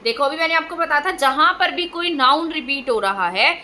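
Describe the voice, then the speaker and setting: A woman teacher giving an exam prep grammar lesson, often asking rhetorical questions and repeating words slowly. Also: sits high, bright, forceful tone, a little hiss or hum, rough recording.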